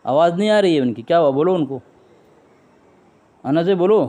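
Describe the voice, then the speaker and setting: High-pitched insistent man, mellow tone. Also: expressive, normal speed. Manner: insistent, repeats himself in short demands. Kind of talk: argumentative phone conversation.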